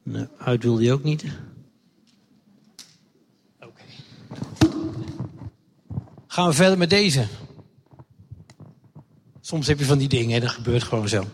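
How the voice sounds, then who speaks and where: A man's voice: mid-range voice, takes it slowly, pauses often, a little hiss or hum. A Dutch man, a lay preacher, giving a friendly, chatty children's sermon in a church hall and talking directly to the kids while moving around with a wireless microphone. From Netherlands.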